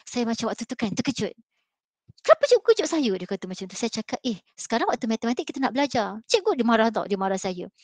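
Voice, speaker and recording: A woman's voice: a little high, very fast, hardly any pauses, no room sound. A middle-aged Malaysian woman, a maths teacher, telling an earnest personal story in a Malay accent with many fillers. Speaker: mathematics teacher on a school panel. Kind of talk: motivational talk with personal story.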